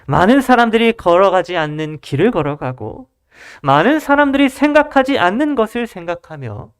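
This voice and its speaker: A preacher delivers a sermon in a measured, formal way, turning often to the congregation with questions. The voice is smooth and resonant, and the pitch rises and falls in a lively, animated way. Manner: addresses the congregation directly with rhetorical questions.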